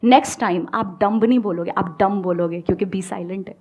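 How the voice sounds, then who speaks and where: A woman giving a motivational stage talk and answering audience questions, calm and reassuring as she mixes Hindi and English. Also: fairly low pitch, quick pace, breathy edge, muffled recording, soft background music. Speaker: speaker and communication coach.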